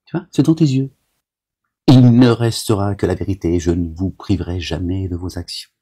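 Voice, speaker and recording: A man's voice: low voice, normal speed, warm tone, breathy edge. A man delivering a rambling, agitated monologue to his viewers, scolding them as a self-styled preacher, with constant verbal tics.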